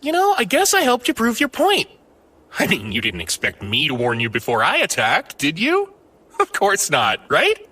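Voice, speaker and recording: A man voicing a cocky, wry young fighter hero in an animated, overacted anime dub style. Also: sits high, moderate pace, husky, heavily acted. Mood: taunting.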